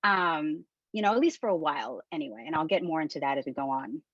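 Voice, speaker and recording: A woman's voice: low-pitched, quick pace, a bit bright, no echo. A woman in her thirties from the Philippines, giving a candid, conversational webinar talk over a video call. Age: 30s. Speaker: webinar speaker. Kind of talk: informal webinar presentation. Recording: dull lo-fi dry call audio.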